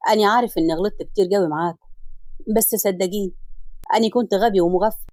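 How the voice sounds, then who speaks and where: A woman's voice: mid-range voice, quick pace, darkish tone, no echo, lightly acted. A woman voicing a contrite old grandfather. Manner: contrite, pleading. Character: remorseful elderly grandfather, old man.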